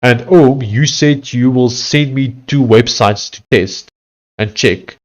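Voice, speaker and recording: This man, a coder who livestreams, has an Afrikaans accent from South Africa and a medium-pitched voice captured on a muffled recording. He chats casually and stumbles a bit when reading messages and text aloud.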